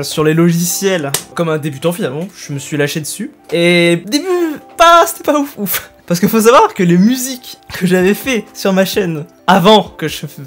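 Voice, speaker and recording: Self-mocking young man, chatty vlog. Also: high-pitched. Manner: self-mocking, chatty, hesitant with many fillers. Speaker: youtuber. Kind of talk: casual vlog talk to viewers.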